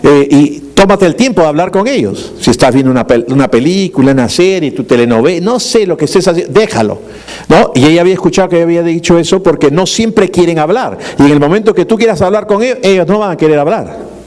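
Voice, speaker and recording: A man's voice: fairly high pitch, animated, fast, a little mellow. A middle-aged male pastor delivering a sermon in a conversational way, with humorous asides and frequent rhetorical questions.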